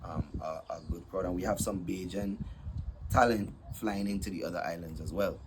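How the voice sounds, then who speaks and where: A man's voice: sits low, normal speed. A young man, a DJ and promoter chatting as an interview guest in a laid-back way, full of fillers and "yeah, man". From Saint Vincent and the Grenadines. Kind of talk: casual interview chat. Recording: loud background noise.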